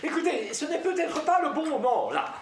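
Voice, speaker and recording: An actor on stage playing a flustered, evasive husband who is hurried and keeps brushing people off. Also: male voice, extremely high pitch, lively intonation. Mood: impatient. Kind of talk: stage comedy acting. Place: theatre stage. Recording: echoey theatre hall from a distance, faint noise.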